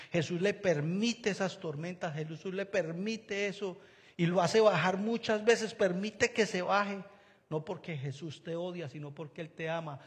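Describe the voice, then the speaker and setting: High-voiced preacher man in a reverberant hall. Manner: animated, acts out quoted voices, asks the congregation questions. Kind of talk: sermon.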